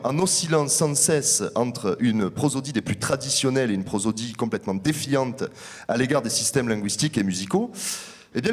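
A man giving an academic conference talk. He presents research findings in a measured, explanatory way. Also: medium pitch, husky. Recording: long hall reverb.

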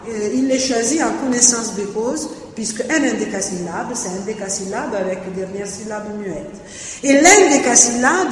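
Woman lecturer, academic talk, hesitant with fillers, booming echo, long hall reverb. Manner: hesitant, many fillers and restarts. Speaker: lecturer on translation. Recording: very echoey hall, faint noise.

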